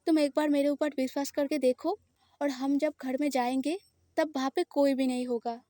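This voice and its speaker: A woman's voice: high-pitched, dry recording, studio quality, close to an everyday voice. Woman voicing a possessive, soothing lover. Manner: firm, reassuring, slightly louder.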